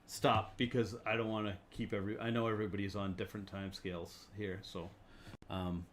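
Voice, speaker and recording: A man hosting a tabletop game stream as game master, talking in a relaxed, hesitant way with many ums as he wraps up the session. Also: fairly low pitch, a little fast, slight background noise.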